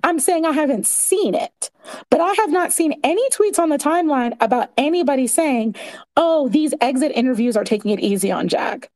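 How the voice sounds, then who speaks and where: A woman in her forties with a high, bright-pitched voice talks in a casual live audio chat. She is earnest and methodical, walking through her points one at a time. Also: animated, moderate pace. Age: 40s. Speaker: guest commentator.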